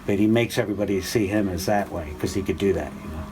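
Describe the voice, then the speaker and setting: A man's voice: fast, background noise. Older man teaching a rambling spiritual class. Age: 60s. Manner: rambling, conversational, frequent fillers and restarts; grows animated and high-pitched when excited. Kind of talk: informal religious class talk.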